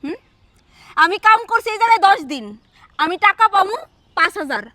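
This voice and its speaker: Woman acting as a defiant female laborer, indignant and firm, high bright quick voice. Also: lively intonation, dry recording, full character voice. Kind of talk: short-film drama acting.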